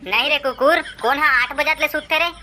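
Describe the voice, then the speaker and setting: A woman voicing a sharp-tongued village mother in a cartoon, scolding her son with a Chhattisgarhi accent. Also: sits high, moderate pace. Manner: scolding, threatening.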